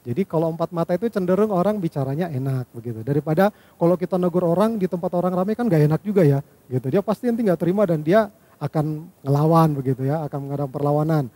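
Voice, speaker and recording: A man with a slightly raised, mellow voice delivers a devotional lesson to young listeners. He talks patiently, counting off numbered points and checking in with his audience as he goes. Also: a little high, fast. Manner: patient, lays out numbered points, ends phrases with "ya" and "gitu ya".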